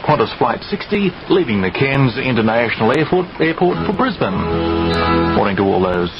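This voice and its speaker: A man's voice: medium pitch, very animated, normal speed, loud music behind the voice. A man announcing on early morning radio, chatty as he reads out the time and departing flights, heard through a tinny clock radio. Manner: chatty, reading out times and flights. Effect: tinny sound, as heard through a clock radio.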